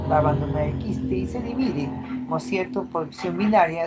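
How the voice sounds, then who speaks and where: A woman's voice: low voice, creaky, darkish tone, husky, low-quality recording. A middle-aged woman doctor, lecturing a class and checking in with tag questions. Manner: explanatory, frequent tag questions.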